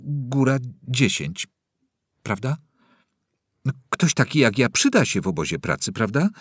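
A terrified middle-aged prisoner pleads and moralizes in a raised, strained voice, as a man puts him on for an audiobook. The tone swings wildly, loud and near tears, with a husky grain underneath. It is recorded dry and close, with no room sound. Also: medium pitch, very animated, a little slow, no room sound, pitched above the performer's own voice. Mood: pleading. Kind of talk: audiobook character voice.

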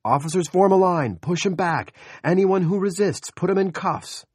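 A man voicing a small-town police officer who shouts orders at a crowd, in an audiobook. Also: high voice, moderate pace, slightly rough, dry recording, clean studio sound, voice pushed up. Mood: bellowing.

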